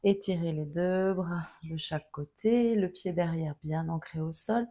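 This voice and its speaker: A woman teaching a yoga class, giving calm, gently guiding cues through each pose. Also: on the low side, unhurried. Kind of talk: guided yoga instruction.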